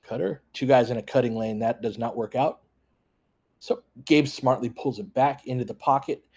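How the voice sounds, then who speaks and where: A man hosts a fan livestream, giving casual, off-the-cuff play-by-play of a basketball game and chatting with listeners in short, clipped bursts. His voice is mid-range, darkish and slightly rough, at a moderate pace.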